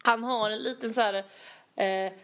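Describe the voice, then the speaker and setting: A young woman chatting casually, animated, acting out quoted exchanges with many fillers. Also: a little high. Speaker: storyteller in casual chat. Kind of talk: casual chat.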